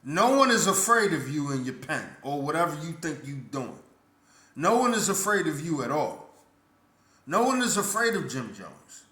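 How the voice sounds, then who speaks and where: A man vents his opinion in a casual vlog rant. His delivery is blunt and indignant, full of repeated words and restarts, with a fairly high, bright and forceful voice. The room around him rings with noticeable echo. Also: sing-song, moderate pace. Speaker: vlogger. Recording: roomy echo.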